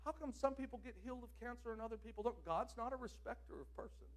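A man preaching a sermon, emphatic, swinging between loud declarations and quieter asides. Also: very high-pitched, fast talker.

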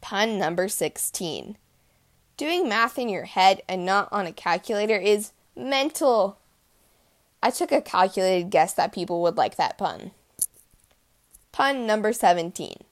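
A woman's voice: medium pitch, lively intonation, measured pace. A woman hosting a podcast, reading out puns in a playful, punchy way. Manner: playful, punchy delivery of jokes. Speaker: podcast host.

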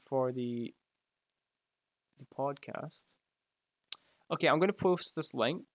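A man's voice: medium pitch, gravelly, fairly bright tone, dry recording. A Scottish man with a Glaswegian accent, chatting casually on a live stream in his home, joking and laughing often into a close microphone. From Scotland. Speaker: live streamer reading chat. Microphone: close mic right in front of the mouth.

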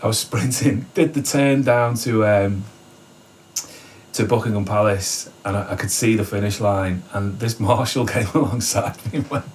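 A man with a fairly low voice tells a story in relaxed conversation. He is animated, laughs often and raises his voice when acting out what people said. Faint background noise sits under the recording. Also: normal speed. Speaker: guest. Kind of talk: casual storytelling.

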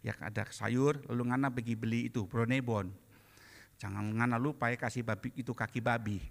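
A man voicing a bossy husband with a Manado accent, giving low, gruff orders. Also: fairly even intonation, a little fast, in a large hall, natural voice. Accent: Manado Malay.

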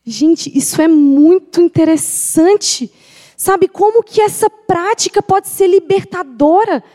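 A woman's voice: extremely high pitch, takes it slowly, mellow. A young woman gives a personal faith testimony. She is emphatic and confessional and repeats phrases for weight. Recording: long hall reverb.

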